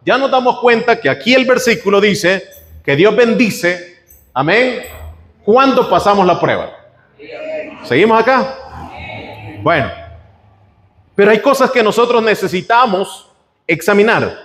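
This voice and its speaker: A man preaching a sermon in an animated way, asking the congregation questions as he goes. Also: sits high, measured pace, pauses often, in a large hall.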